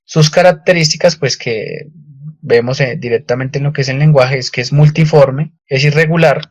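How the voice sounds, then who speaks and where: A man's voice: mid-range voice, no echo. A man with a Colombian accent teaching a grammar lesson, explaining patiently and often repeating words with fillers. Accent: Colombian Spanish. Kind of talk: online lecture with slides.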